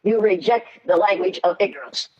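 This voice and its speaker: A woman's voice: mid-range voice, animated, fairly quick, muffled recording. An older woman with an American accent speaks as an educator lecturing an audience, blunt, emphatic and commanding.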